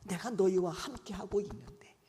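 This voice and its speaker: A pastor voicing a gentle, reassuring divine teacher. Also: male voice, high-pitched, lively intonation, normal speed, slight background noise. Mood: tender. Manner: soothing, tender. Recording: long church hall reverb.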